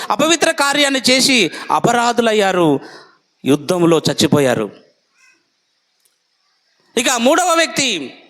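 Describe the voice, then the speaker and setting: A man's voice: very high-pitched, sharp tone. A man preaching a sermon, with emphatic, repetitive lists.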